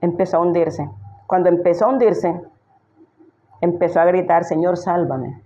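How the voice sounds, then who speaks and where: A woman's voice: fairly low pitch, steady tone, normal speed, warm tone, dull audio. A woman pastor giving an emphatic sermon, full of rhetorical questions she answers herself.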